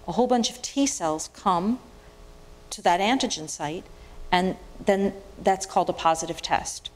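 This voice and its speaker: A woman physician giving a public lecture with audience questions, in an explanatory, measured way and often restarting phrases as she thinks. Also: mid-range voice, darkish tone. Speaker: physician speaker. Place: university event room with audience.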